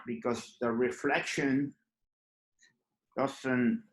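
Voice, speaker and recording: Slow, patient male art teacher. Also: mid-range voice, fairly even intonation, reverberant, low-quality recording. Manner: slow, patient, repeats "okay?" often. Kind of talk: online drawing lesson.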